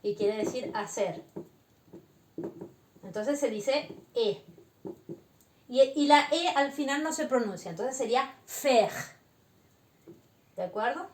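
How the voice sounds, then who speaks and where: Slow, patient woman teaching French. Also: on the high side, expressive, echoey room, a little hiss or hum. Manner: slow, patient explaining with frequent check-ins. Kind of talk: beginner language lesson.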